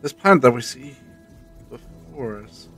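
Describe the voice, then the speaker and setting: A man playing a confident, sly, eccentric time traveller in an audio drama, speaking theatrically and deliberately with old-fashioned turns of phrase. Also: mid-range voice, expressive, fairly bright tone, faint music behind. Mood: intrigued.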